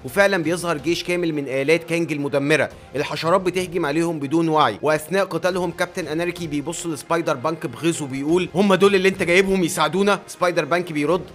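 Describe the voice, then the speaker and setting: Egyptian guy retelling comics super fast, faint music in the background. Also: on the high side. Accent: Egyptian Arabic. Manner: energetic, breathless retelling. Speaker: comics storyteller YouTuber. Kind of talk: fast scripted story narration.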